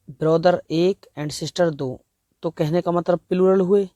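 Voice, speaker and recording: Slow, measured Indian male grammar teacher. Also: fairly high pitch, dark tone, no echo, clean studio sound. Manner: slow, explanatory, reads example sentences word by word. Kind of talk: exam-prep grammar lesson.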